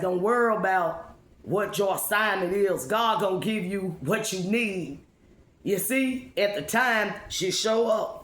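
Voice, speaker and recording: A woman giving an informal motivational testimony, speaking emphatically and repeating herself with rhetorical questions. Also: mid-range voice. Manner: emphatic, repetitive, with rhetorical questions and check-ins. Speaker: spiritual speaker addressing followers. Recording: echoey room.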